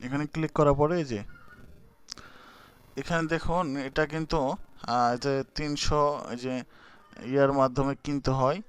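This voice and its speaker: Speaking at a moderate pace with frequent pauses, a young man with a fairly high, smooth voice and mostly even intonation explains a video app on YouTube. His screen-recorded walkthrough is informal and hesitant, full of fillers and false starts.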